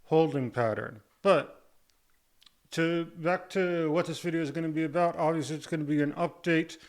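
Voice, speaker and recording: A man with a slightly high voice gives a casual update to camera at a moderate pace. After surgery his jaw is held restricted by rubber bands, so he talks with difficulty as saliva pools in his mouth.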